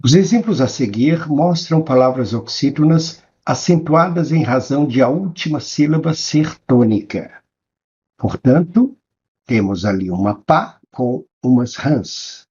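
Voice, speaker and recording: Male teacher, scripted lesson voice-over, husky and unhurried. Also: mid-range voice, lively intonation, darkish tone, highs cut off. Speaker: Portuguese teacher.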